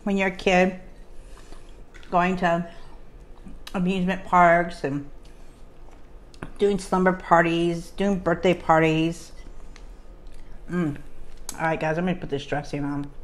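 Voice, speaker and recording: A woman vlogger with a slightly low voice, telling rambling childhood stories in a casual chat as she eats. She talks loosely and leans on "like" between phrases. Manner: chatty, frequent "like" fillers. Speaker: mukbang vlogger. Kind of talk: casual storytelling while eating.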